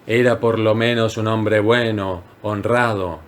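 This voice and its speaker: A man narrating a classic short story as an audiobook, reading in a measured, unhurried way with frequent pauses. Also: lowish voice, steady tone, a little hiss or hum. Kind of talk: scripted literary narration.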